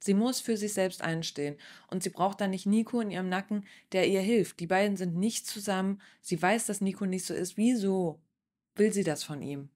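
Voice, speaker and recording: A woman's voice: mid-range voice, normal speed, a little mellow. Blunt indignant woman reacting. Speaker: reaction video host. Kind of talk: casual commentary on a reality show.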